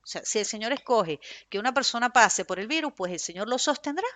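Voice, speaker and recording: A woman preaching a fervent, emphatic sermon in Spanish with a Venezuelan accent, speaking in a loud tone. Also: a little high, lively intonation, a little fast, no echo.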